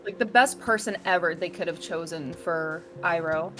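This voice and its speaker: A woman chatting casually with friends on a group call, quick to laugh. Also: lowish voice, music in the background. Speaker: podcast co-host. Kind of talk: casual chat.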